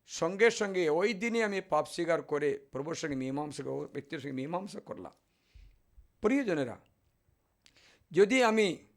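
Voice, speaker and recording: Man preaching slowly with emphatic repetitions. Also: high-pitched, fairly bright tone. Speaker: priest. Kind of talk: sermon. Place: retreat centre.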